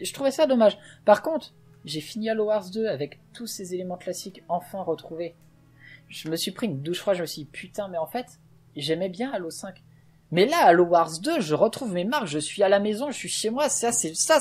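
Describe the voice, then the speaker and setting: A man's voice: sits high, animated, fairly quick, a little mellow, slightly rough. A man hosting a let's play, talking in casual gaming chat, passionate and opinionated, going off on a rant.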